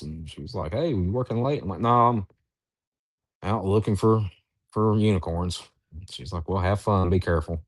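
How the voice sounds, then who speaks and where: A man who researches Bigfoot, telling a story in a halting, drawn-out way with many restarts. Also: low voice, no room sound, studio quality. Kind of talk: storytelling in an interview.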